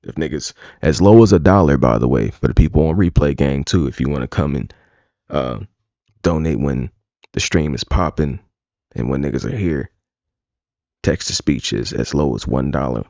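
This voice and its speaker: A man's voice: very deep voice, moderate pace, gravelly, warm tone, dry recording. A man streaming live, talking casually, rambling and bluntly profane. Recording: dull lo-fi dry sound.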